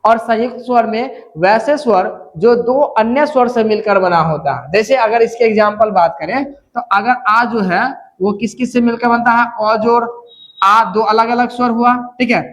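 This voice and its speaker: A high-voiced man teaching a grammar class. He repeats each key term slowly, often several times, and keeps checking in with his students as he goes. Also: fairly bright tone. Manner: repeats key terms slowly, frequent "theek hai" checks. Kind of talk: classroom lecture.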